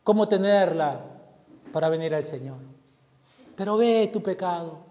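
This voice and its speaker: A man preaching a sermon as pastor, impassioned, swelling loud and then dropping low. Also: lively intonation, unhurried, highs cut off. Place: church hall. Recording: long hall reverb.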